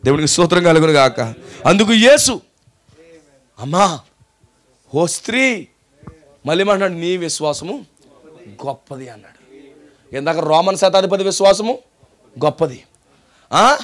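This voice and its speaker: A pastor with a Telugu accent delivers a sermon in a high, ringing voice. He preaches in waves of rhetorical questions and call-and-response, retelling the story and driving the point home to the congregation. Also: animated, normal speed, pauses often, a bit bright.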